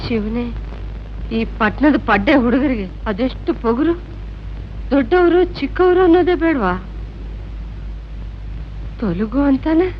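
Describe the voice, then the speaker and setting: A woman's voice: high voice, expressive, unhurried, long pauses. An actress playing a poor old grandmother who pleads and scolds. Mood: scolding. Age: older. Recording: dull old film soundtrack with music.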